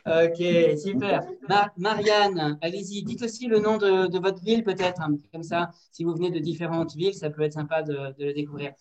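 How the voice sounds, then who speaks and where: Lively woman leading an online workshop. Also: fairly low pitch, normal speed, few pauses. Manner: lively, directive, many fillers and checks. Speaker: teacher trainer. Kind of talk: online workshop on classroom activities. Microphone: computer mic on a video call. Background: building works next door.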